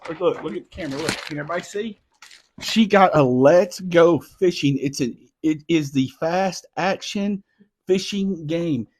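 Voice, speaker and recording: A middle-aged man, a little high-voiced and speaking at normal speed, hosts a casual live video at home. He teases a child playfully, often going soft and hushed.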